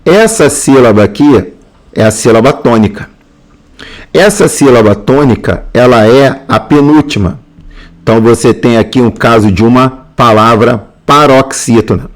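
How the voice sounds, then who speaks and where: A man's voice: medium pitch, moderate pace. A male teacher with a Brazilian Portuguese accent, going through exam answers step by step and repeating key points. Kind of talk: exam answer walkthrough lesson.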